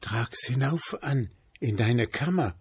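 A man's voice: medium pitch, expressive, slow pace, darkish tone, husky, no echo, pitched above the performer's own voice, heavily acted. A man voicing a small ghostly spirit woman in whispered role-play, coaxing with insistent repetition. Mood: eerie coaxing.

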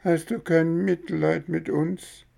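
A man's voice: fairly high pitch, level tone, slow, creaky, warm tone, voice pushed up, heavily acted. A man voicing a sly, whining old male fox who begs pitifully, in a storybook reading. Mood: whining plea. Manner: wailing, pleading.

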